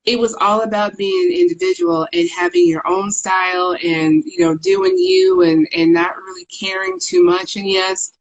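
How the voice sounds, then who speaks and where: Casting note: mid-pitched, articulate woman from Chicago, earnest, warm-humored co-host. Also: sing-song, moderate pace, vocal fry, few pauses, muffled recording. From Chicago, USA. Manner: articulate, earnest, laughs easily. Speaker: podcast co-host. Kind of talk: casual chat.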